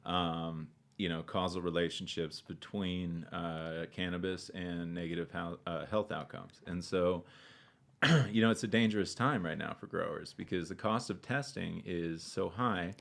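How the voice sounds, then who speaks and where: A man's voice: low voice, fairly even intonation, normal speed, gravelly, a bit bright. A man, a guest on a casual podcast, explaining things at length in a pedantic way with lots of "uh" fillers. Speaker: guest cannabis scientist.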